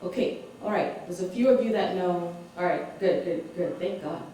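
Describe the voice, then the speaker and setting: A woman's voice: lowish voice, normal speed, far from the mic, a crowd in the background. A woman from Malawi giving an author talk to an audience, engaging them with questions and laughing often. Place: community hall. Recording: echoey hall recorded from afar.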